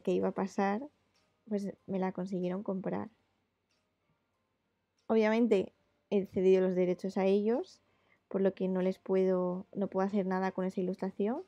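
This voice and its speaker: Chatty woman with a gravelly voice. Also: medium pitch, warm tone, no room sound. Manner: chatty, rambling with many fillers. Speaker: illustrator. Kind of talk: casual chat while drawing live.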